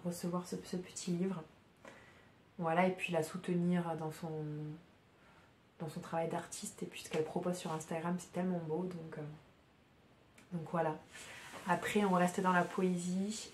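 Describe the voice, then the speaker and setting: A woman chatting casually as a podcast host, her voice a little low and soft-spoken. She talks haltingly, full of fillers and restarts. The recording sounds roomy, with a faint hum behind her. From France. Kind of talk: casual chat.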